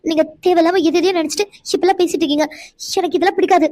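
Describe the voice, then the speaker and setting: A woman's voice: very high voice, rapid-fire, dark tone, dry recording, studio quality. A woman voicing a shy, frightened young woman in a cartoon, who stammers and pleads. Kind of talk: cartoon voice acting.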